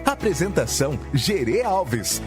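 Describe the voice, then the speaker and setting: Lively male radio announcer over music. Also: fairly high pitch, unhurried. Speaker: program announcer. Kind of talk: scripted radio opening.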